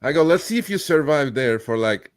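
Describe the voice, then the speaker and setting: A man born in Turkey, hosting a live chat, talking bluntly and with profanity, telling animated stories. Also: on the high side, brisk, no room sound. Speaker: host. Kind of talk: casual livestream chat.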